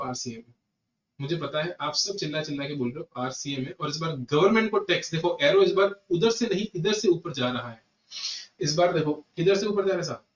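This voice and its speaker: An Indian man teaching a class with a slightly high voice, circling back over each point as he talks straight to his students. He sounds roomy and set back from the mic, a bit muffled. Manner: animated, repeats points, addresses students as "beta" and "sahab". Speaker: GST lecturer. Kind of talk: classroom lecture. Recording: echoey room, distant muffled mic.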